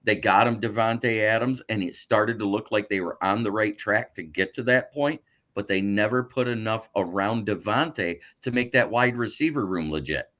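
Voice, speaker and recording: A man's voice: on the low side, normal speed, fairly bright tone, dull audio. A man who is a guest on a sports podcast, chatting casually and opinionatedly about football. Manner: opinionated, breaks into mocking impressions.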